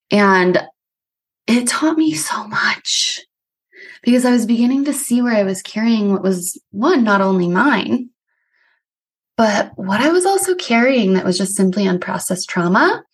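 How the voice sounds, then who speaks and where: A woman hosting her own podcast, talking earnestly and casually through a reflective personal monologue, with frequent "like" fillers. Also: medium pitch. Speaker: podcast host; somato-emotional release practitioner.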